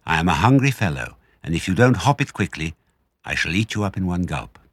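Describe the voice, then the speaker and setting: A man voicing a confident, cunning father fox with a smooth-talking, commanding manner, for a storybook. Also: sits low, big pitch swings, brisk, dry recording, exaggerated voice. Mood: silkily menacing.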